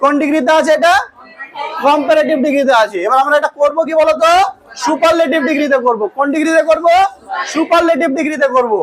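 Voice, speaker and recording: A woman's voice: high-pitched, fairly even intonation, fast talker, low-quality recording. A woman teaching an English grammar lesson. She quizzes her students with questions, then answers them herself. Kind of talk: classroom lesson.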